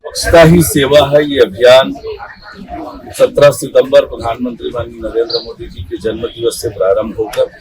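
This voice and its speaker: A man of middle pitch speaks formally at a public stadium event, repeating his slogan again and again. The chatter of a crowd is clearly heard around him. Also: fairly even intonation, normal speed, poor audio.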